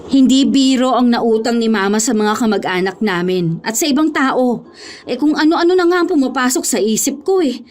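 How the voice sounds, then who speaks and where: A woman's voice: fairly high pitch, lively intonation, moderate pace, a little mellow, natural voice. A woman playing a worried, stammering young woman. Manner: worried, stammers when nervous. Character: anxious young woman in debt, pleading. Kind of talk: Tagalog horror audio drama.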